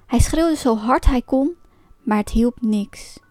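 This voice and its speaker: A woman's voice: fairly high pitch, slow, dry recording. Woman reading a fairy tale aloud. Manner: lively, expressive storybook reading. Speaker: storyteller. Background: faint music.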